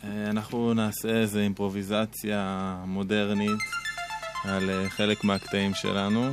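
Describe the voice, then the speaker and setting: A man's voice: lowish voice, monotone, music in the background. A man chatting casually as a musician guest in a radio studio. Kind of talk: casual chat.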